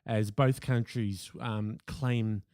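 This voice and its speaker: A man's voice: on the low side, fairly even intonation, slow, darkish tone, dry recording, clean studio sound. An Australian man hosting a podcast, chatting in a mock-serious, teasing way over a call from home. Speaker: podcast host. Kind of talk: casual comedic chat.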